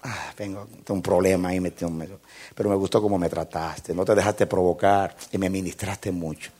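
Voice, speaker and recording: A preacher acting as a softened, grateful church brother. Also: male voice, low-pitched, fairly even intonation, brisk, slightly rough, voice pushed down. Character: calmed, grateful adult male church member.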